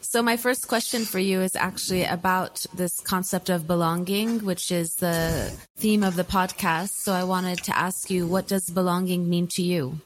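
A woman's voice: fairly low pitch, steady tone, moderate pace, hardly any pauses, a little hiss or hum. A woman hosting a podcast, talking in an earnest, encouraging interview manner. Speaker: podcast host. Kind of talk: warm interview conversation.

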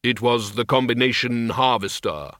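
Death, a man doing a slow deadpan reaper. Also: mid-range voice, no echo, clean studio sound, natural voice. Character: Death, grim tall skeletal male reaper, dry and unhurried.

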